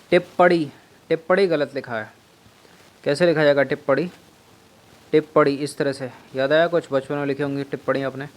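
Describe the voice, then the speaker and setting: Man teaching spelling drills. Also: a little high. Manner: drills words by repeating them, asks students questions. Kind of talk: exam-prep spelling lesson.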